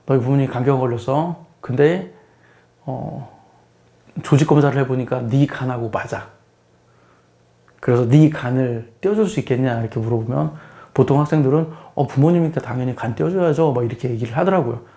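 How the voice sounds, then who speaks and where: A middle-aged math teacher speaks briskly in a warm, medium-pitched voice during a casual spoken lecture. His explaining tone is plain, and he often repeats phrases and asks the listener questions.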